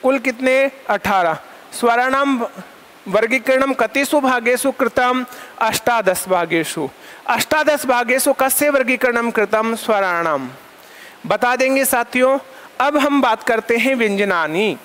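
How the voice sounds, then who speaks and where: A man with a strikingly high voice teaches a Sanskrit class. He fires questions at his students and supplies the answers, running through long repeated lists of terms. He also dictates definitions slowly so that they can be written down. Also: animated, a bit bright. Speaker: Sanskrit school lecturer teaching online.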